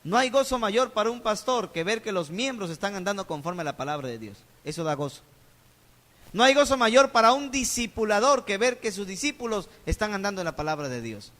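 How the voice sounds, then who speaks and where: A Peruvian man preaches from the pulpit, his voice pitched high for a man. He keeps pressing the congregation with questions. The sound rings out with a long reverb through the church hall. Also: sing-song, brisk, fairly bright tone. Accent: Peruvian Spanish. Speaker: pastor. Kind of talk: sermon. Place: church sanctuary.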